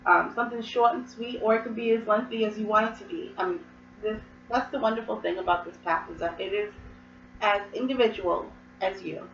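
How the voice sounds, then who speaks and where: A woman's voice: mid-range voice, a little fast, a little hiss or hum. A woman with a cold explaining a hobby practice in a casual, rambling way with many fillers and asides. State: hoarse from a cold, occasional coughs. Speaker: host. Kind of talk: casual instructional talk. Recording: roomy, distant, dull mic.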